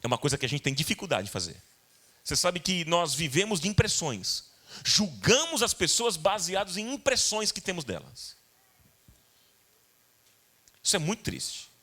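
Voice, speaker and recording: A Brazilian pastor delivering a sermon, a man with a Brazilian Portuguese accent. His voice sits high and bright, and his pitch swings widely as he repeats key points and turns to address the congregation. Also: big pitch swings, moderate pace, long pauses. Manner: earnest, repetitive, addresses congregation directly. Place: church.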